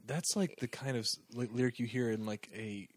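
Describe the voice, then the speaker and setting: A man's voice: medium pitch, a little fast, dry recording. A man co-hosting a casual movie recap chat, making dry, sarcastic asides. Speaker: podcast co-host.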